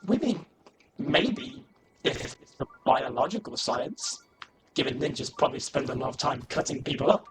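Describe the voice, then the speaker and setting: A man's voice: mid-range voice, lively intonation, moderate pace, background noise. A man giving comedic, critical game commentary, cutting in with pedantic, sweary corrections. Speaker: commentator in a video essay. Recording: prominent music behind the voice. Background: music.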